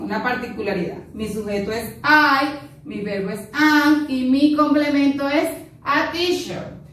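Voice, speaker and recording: A woman teaching a recorded class in a high, bright-pitched voice that rings through a very echoey room. She walks through each rule step by step and keeps checking in with her students. She sounds set back from the microphone. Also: recorded from a distance. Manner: explains step by step, checks in with "ok?" after each point. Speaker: English teacher.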